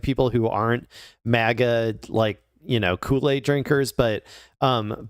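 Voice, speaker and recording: A man talks through the news in a loose, rambling way, stopping and restarting often. His voice sits at an ordinary middle pitch. The recording is dry and close, with no room sound. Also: no echo. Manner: rambling, hesitant, many fillers and restarts. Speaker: political news commentator. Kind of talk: casual reaction commentary.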